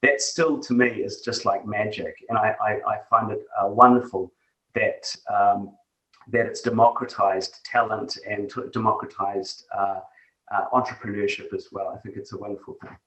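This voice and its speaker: In a conversational interview, a middle-aged guest who works as a tech executive reflects in a New Zealand accent, his fairly low, fairly bright voice holding fairly even intonation at a normal speed. Fillers and restarts are frequent, and the recording has echo, with him distant from the mic.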